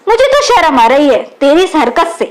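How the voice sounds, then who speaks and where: A woman's voice: high-pitched, very animated, normal speed. A woman reading the lines of a wise, loving older mother who is firm with her daughter, in a storybook reading.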